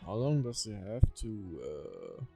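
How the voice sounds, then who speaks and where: A man's voice: lowish voice, wildly swooping pitch, takes it slowly, vocal fry, dark tone. A man streaming a game, reading dialogue aloud with casual asides and stumbling over words now and then. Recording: game music behind the voice. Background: game music.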